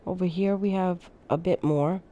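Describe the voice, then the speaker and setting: A woman's voice: lowish voice, muffled recording. A woman streaming a city-building game, casually thinking aloud as she plays and sounding a little sleepy. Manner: relaxed, thinking aloud, unhurried. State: sleepy, yawning. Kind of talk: casual gameplay commentary.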